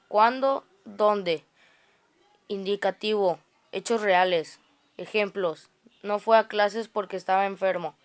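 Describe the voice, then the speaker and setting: Halting woman reading grammar notes. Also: medium pitch, clean tone. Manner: reads haltingly, restarting stumbled words. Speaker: student reciting study notes.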